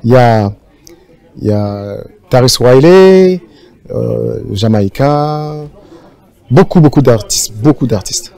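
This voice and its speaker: A man's voice: mid-range voice, slow pace, gravelly. A man from Congo, a singer being interviewed, talking casually with many hesitations. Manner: relaxed, hesitant with many fillers. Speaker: guest singer.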